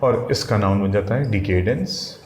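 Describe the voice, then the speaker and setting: A man's voice: fairly low pitch, moderate pace, slight background noise. A man teaching exam vocabulary, who spells out words letter by letter and keeps checking in with his students. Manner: addresses students as "साथियों" and "भैया". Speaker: English teacher. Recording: echoey room with faint ambience.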